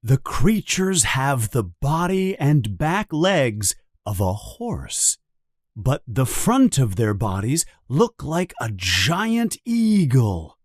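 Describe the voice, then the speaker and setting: A man narrating a simple storybook for learners in a very slow, expressive reading. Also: medium pitch, no room sound, studio quality.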